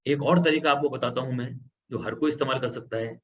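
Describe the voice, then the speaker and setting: A man's voice: medium pitch, a little fast. A man patiently presenting a computer tutorial, explaining each step as he goes. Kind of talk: screen-recorded software tutorial. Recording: slightly dull lo-fi audio with faint background hum.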